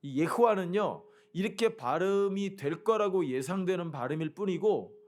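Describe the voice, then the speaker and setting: Male pastor, high lively voice, emphatic sermon delivery. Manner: emphatic, swings from loud proclamations to quiet asides; engages the congregation with questions.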